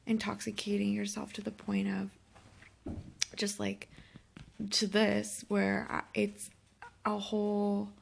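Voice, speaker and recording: A hungover woman in her thirties talking in a weary, halting, self-reproachful way in a casual confessional vlog, sounding sick. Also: mid-range voice, monotone, creaky, slight background noise. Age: 30s. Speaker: vlogger. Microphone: phone held by herself.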